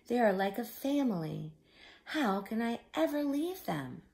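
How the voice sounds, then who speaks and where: A woman voicing a gentle, earnest, polite male hermit crab in a storybook. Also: on the high side, sing-song, a little slow, gravelly, pitched above the performer's own voice, exaggerated voice. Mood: fond, wistful.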